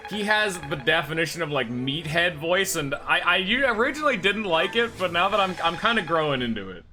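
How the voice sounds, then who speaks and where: A man's voice: a little high, sing-song, a little fast, sharp tone, faint music behind. A man giving casual, rambling, sweary commentary while he plays a video game. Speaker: gameplay commentator.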